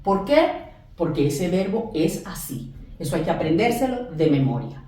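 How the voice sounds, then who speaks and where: A woman teaching a class, explaining grammar at a board and slowly drawing out example phrases for emphasis. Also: on the low side, big pitch swings, warm tone, distant mic. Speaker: English teacher. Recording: very echoey room, voice off-mic.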